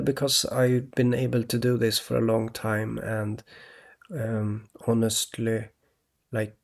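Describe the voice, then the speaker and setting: Man, vlog monologue, halting, lots of restarts, slow drawl, gravelly fry. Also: medium pitch. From Sweden. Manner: halting, many restarts, keeps adding "okay?". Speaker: vlogger. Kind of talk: rambling monologue to camera.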